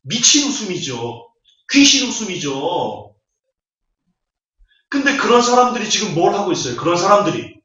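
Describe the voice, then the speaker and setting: A man's voice: high voice, big pitch swings, moderate pace, pauses often, pushed and bright. Scornful preacher man, echoey hall. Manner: scornful, rhetorical questions. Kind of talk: Bible lecture sermon. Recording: echoey hall, distant, dull audio.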